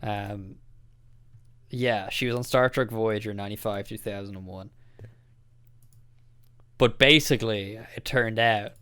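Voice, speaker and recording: A man's voice: fairly low pitch, fairly bright tone, clean tone, no echo, clean studio sound. A man co-hosting a casual podcast chat, telling a rambling story with lots of fillers. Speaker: podcast co-host.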